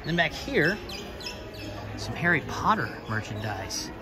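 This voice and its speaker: A man's voice: a little high, sing-song, a little slow. A man narrating a casual walking tour of a big store on a handheld phone, pointing things out as he goes. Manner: upbeat, points things out as he walks. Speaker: vlog host. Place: large store, then indoors in a car. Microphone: handheld phone camera. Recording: loud music behind the voice.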